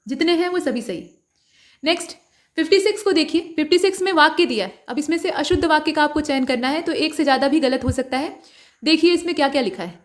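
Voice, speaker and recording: A woman working through mock test answers as a tutor, patient and step by step, often asking listeners for the answer. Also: sits high. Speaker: Hindi exam tutor.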